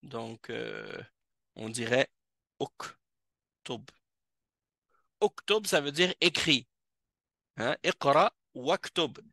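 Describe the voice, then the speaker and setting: A man's voice: mid-range voice, animated, very slow, creaky, pauses often, bright, forceful tone, dry recording, studio quality. A man teaching a classroom language lesson as an Arabic teacher, patiently repeating each word several times, recorded in a mosque classroom.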